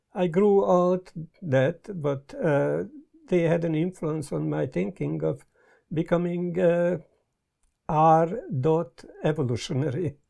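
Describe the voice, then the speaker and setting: An older man with a Hungarian accent, talking in a thoughtful, halting way with many pauses, interviewed in a book-lined study on a lapel mic. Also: a little high, vocal fry, dark tone. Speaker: guest. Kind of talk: casual conversation. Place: study lined with bookshelves, indoors.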